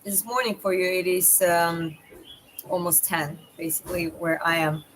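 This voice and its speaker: A woman with a Georgian accent and a slightly low voice talks casually to a livestream chat. She thinks aloud in a halting, informal way, with noticeable noise behind her. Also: steady tone, fairly bright tone, rough recording. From Georgia (country). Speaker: live streamer. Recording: clear background noise.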